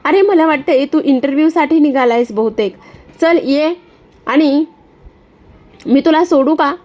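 A woman's voice: sits high, a little slow, darkish tone, voice pushed up. A woman voicing a scheming young female villain who mocks and needles, in a retold story. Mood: coaxing. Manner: mocking, needling.

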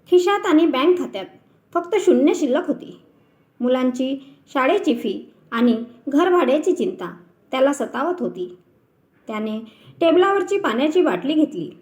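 A woman narrating a family moral tale in a calm, measured storytelling way. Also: high-pitched, echoey room.

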